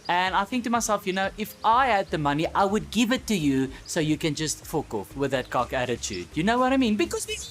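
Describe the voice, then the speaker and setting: A man with a South African accent telling a stand-up comedy story, loose and animated with a lot of swearing. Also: high voice, brisk, few pauses.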